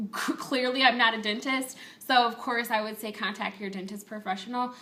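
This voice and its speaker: Female vlogger, casual and candid. Bright, forward voice sitting slightly high, chatty delivery to viewers. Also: fairly even intonation, normal speed. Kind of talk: casual chat to viewers, personal update.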